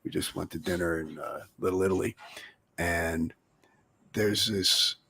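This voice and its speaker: A man with a low, husky voice and a gravelly edge tells a story as a guest in a casual chat. He rambles and fills his pauses with "uh" and "right?", and the sound is dry. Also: fairly even intonation, sharp tone, dry recording. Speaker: guest, former bouncer and bodyguard.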